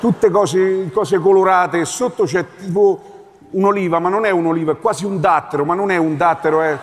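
Animated comedian on a live stage. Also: male voice, high voice, a little hiss or hum. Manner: rapid, animated storytelling. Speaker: stand-up comedian. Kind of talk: stand-up comedy monologue. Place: theatre stage. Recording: live theatre with audience, reverberant.

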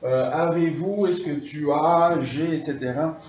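A man teaching a French class, speaking slowly, repeating his phrases and slipping now and then into English. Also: fairly high pitch, darkish tone, recorded from a distance. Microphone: distant room recording. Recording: echoey classroom recorded from afar, dull.

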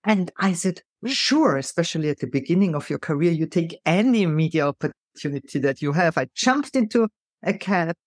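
A middle-aged woman with a mixed European accent answers interview questions as a guest and keynote speaker, telling stories in an animated, emphatic way. Her voice sits lowish at a normal speed, recorded with studio quality and no echo.

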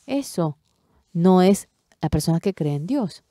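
A woman interpreting a church sermon into Spanish, delivering it emphatically and swelling loud on key words. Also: lowish voice, lively intonation, a little slow, no room sound, clean studio sound.

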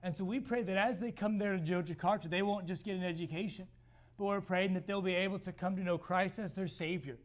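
Young guy preaching w a wrecked raspy voice, keeps stumbling n repeating himself. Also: high voice, fairly even intonation. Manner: halting, repeats words often. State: hoarse, losing voice. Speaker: missionary speaker. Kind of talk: church missions talk.

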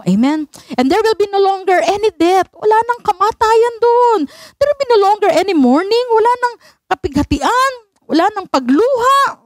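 A woman's voice: extremely high pitch, no room sound, clean studio sound. A woman pastor with a Filipino accent preaching a sermon, switching between Tagalog and English and calling on the congregation for affirmation. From Philippines.

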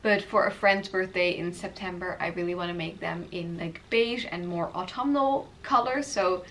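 A woman's voice: on the low side, moderate pace, a bit bright. A woman, hosting a knitting podcast and rambling casually from her apartment with hesitant fillers.

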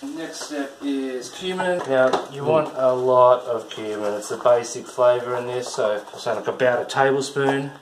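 A man in his thirties talks through a recipe in a relaxed, irreverent way, with the odd casual curse. He is picked up by a camera mic a few feet away in a small home kitchen. The room is echoey, and pots, pans and dishes clatter loudly behind him. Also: medium pitch, normal speed, few pauses, background noise. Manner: chatty, irreverent, swears casually while working. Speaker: home cook hosting a cooking show. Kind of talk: casual cooking demonstration. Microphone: camera mic filming from a few feet away.

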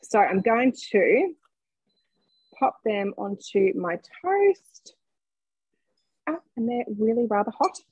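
A woman's voice: fairly high pitch, big pitch swings, slow, pauses often, darkish tone, breathy edge, no room sound, rough recording. A young woman presenting a live online cooking demonstration from her home kitchen, upbeat and chatty as she invites viewers to comment. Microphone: webcam on a video call.

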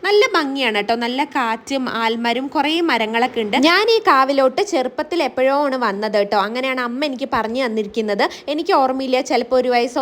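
A woman from Kerala talks through her family travel vlog in a quick, chatty voice-over. Her voice sits high, and she rattles along at a fast clip, often ending sentences with friendly little tags. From Kerala, India. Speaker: family vlogger. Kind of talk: casual vlog voice-over narration.

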